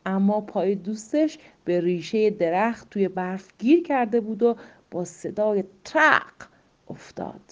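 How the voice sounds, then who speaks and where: A woman narrating a story slowly and suspensefully, often dropping to a whisper. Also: medium pitch. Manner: slow suspenseful reading, drops to whispers. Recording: muffled lo-fi recording.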